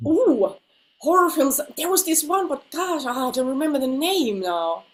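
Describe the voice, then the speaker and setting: A woman with a high, animated voice speaks at an unhurried pace. She's the singer being interviewed over a video call, sounding slightly nasal from illness, a native Finnish speaker who chats casually and laughs a lot.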